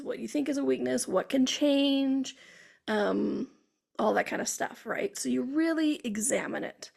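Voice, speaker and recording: A high-pitched woman with a strongly gravelly, husky voice talks through her podcast in a loose, chatty way. She often breaks into laughter and acts out her clients' lines. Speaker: podcast host and coach. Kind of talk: casual solo podcast talk.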